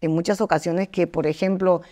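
A middle-aged woman who writes her own songs, speaking candidly in an interview. She tells her stories with energy and many fillers, jumping into higher voices whenever she quotes others. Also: normal speed. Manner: lively storyteller, jumps into high voices to act out quotes, many fillers. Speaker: singer-songwriter.

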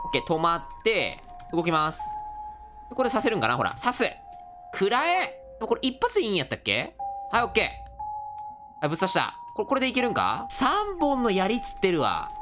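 A man with a hosting a solo let's-play, excitable and reacting loudly to the game. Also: high-pitched, a little fast, over music. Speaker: gaming video host.

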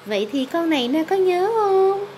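High-voiced southern Vietnamese mother reading to a toddler. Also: big pitch swings, normal speed. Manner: encouraging, prompting with questions and confirmations. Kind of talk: reading an animal picture book to a toddler, quizzing. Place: hard-tiled room at home. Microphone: handheld phone camera. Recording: noisy handheld home phone video.

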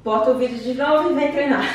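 Out of breath from exercising, this woman counts down reps at a moderate pace in a high voice, coaching a home workout with chatty encouragement. She's a fitness instructor with a Brazilian Portuguese accent, recorded on a distant mic in a very echoey room at home with faint noise.

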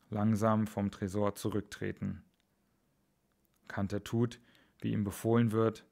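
Low, gravelly-voiced man narrating. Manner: steady, measured narration. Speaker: author reading his own novel. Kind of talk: audiobook-style thriller reading.

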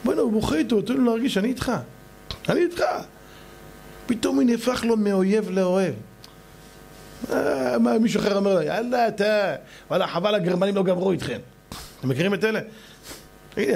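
A man, a rabbi, giving an animated sermon and acting out the voices of people in his stories. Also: high voice, vocal fry.

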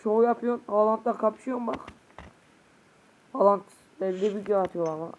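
Excitable gamer, a bit sick. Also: male voice, high voice, normal speed, dull audio. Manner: excitable, shouts at players, mutters curses. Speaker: gaming youtuber. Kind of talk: casual gameplay commentary. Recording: noisy home recording.

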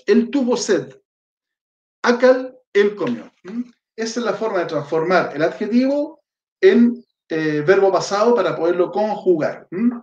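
Patient, high-voiced man teaching a language. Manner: slow, patient spelling out of letters and words, frequent checking "¿cierto?". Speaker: Arabic teacher. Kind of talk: live online language lesson. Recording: echoey, dull lo-fi room sound.

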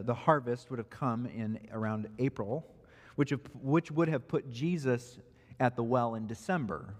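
A man's voice: mid-range voice, in a large hall. A man preaching an expository sermon who grows emphatic when he quotes scripture. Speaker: pastor. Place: church sanctuary.

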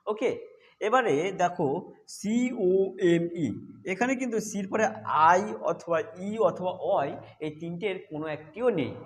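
A man teaching English pronunciation rules step by step, patiently repeating each point. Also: high-pitched. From Bengal. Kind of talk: explaining a phonics lesson.

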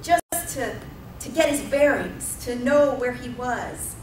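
Here a pastor in her thirties delivers a sermon in a church sanctuary, driving the story home through emphatic repetition. She speaks slowly in a slightly high, darkish voice. Picked up from afar by a pulpit microphone, the recording carries roomy church acoustics and a little hiss or hum.

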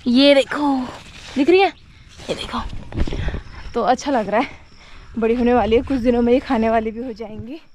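High-voiced woman vlogging outdoors in fields. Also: warm tone, slight background noise. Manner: chatty, shows things to viewers. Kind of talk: casual farm vlog narration.

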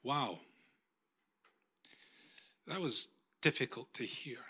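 Holding a microphone in a lecture room, a middle-aged man who serves as university vice-chancellor delivers a formal vote of thanks, full of ums and false starts; he is not from Australia. He talks slowly and with animation in a husky, mid-range voice that sounds pushed and bright.

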